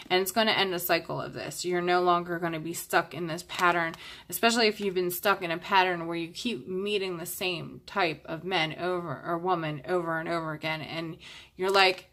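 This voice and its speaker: A woman's voice: fairly low pitch, steady tone, normal speed, a bit bright. A young woman reading tarot cards to camera in a casual, chatty way, with lots of fillers and rambling asides. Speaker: tarot reader.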